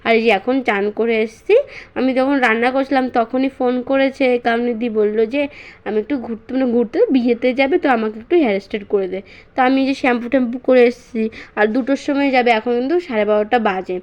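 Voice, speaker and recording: Fast-talking young mother vlogging. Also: on the high side, fairly even intonation, dull audio. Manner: chatty, many fillers, baby talk to her child. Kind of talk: casual home vlog chat. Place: home.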